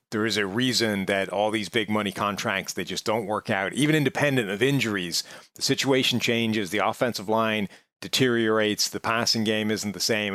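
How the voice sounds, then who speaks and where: A male sports podcast analyst with a fairly low voice and a very dry sound. He talks conversationally and discursively, building his argument as he goes. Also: a bit bright, no echo. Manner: discursive, argues step by step.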